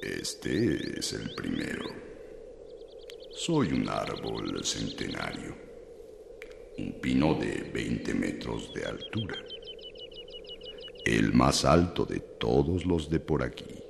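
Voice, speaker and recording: A man playing an ancient, dying talking pine tree in a children's audio drama, ponderous and gravelly. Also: very animated, takes it slowly, long pauses, background noise, exaggerated voice. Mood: slow, weary. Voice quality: deep, gravelly.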